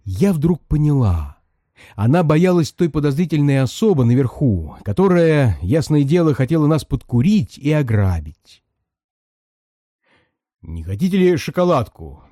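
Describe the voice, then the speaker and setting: Male reader, storytelling, expressive, lively pitch, mellow tone, dry close recording. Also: normal speed, no room sound. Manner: expressive, acts out each character. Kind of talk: storytelling reading.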